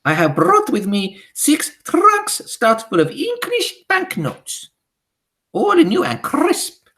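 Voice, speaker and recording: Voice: sits high, huge pitch swings, slow pace, bright, forceful tone, voice pushed up, full character voice. A reader voicing a tiny, furious female witch leader who screeches and speaks with odd foreign-sounding grammar, in an audiobook. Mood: gloating. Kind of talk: audiobook character voice.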